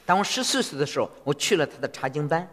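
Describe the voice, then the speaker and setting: A man interpreting a sermon phrase by phrase in an animated way. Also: on the high side, quick pace. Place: church hall. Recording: long reverb of a church hall.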